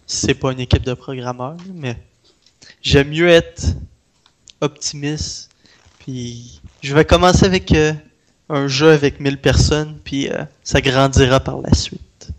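Man with a Québécois French accent, mid pitch. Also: a little slow. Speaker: interviewee, independent game developer. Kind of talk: casual conversation.

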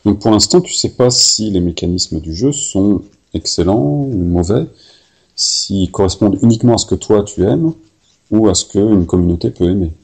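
A man with a Parisian French accent and a gravelly, husky voice, interviewing someone in a conversational way. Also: on the low side, lively intonation, normal speed.

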